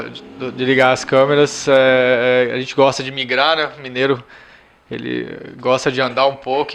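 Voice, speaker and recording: A man from Minas Gerais answers as an interview guest. His voice is mid-pitched and ordinary, and he tells his story in a relaxed way, with plenty of fillers. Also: vocal fry. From Minas Gerais, Brazil. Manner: many fillers like "né" and "é", easygoing storytelling. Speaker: guest, cultural entrepreneur.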